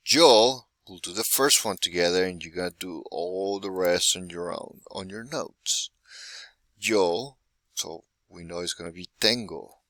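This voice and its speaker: A man's voice: deep voice, sharp tone, no room sound. A man in his forties teaching a Spanish lesson, patient and often checking in with "right?". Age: 40s. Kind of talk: recorded classroom lesson.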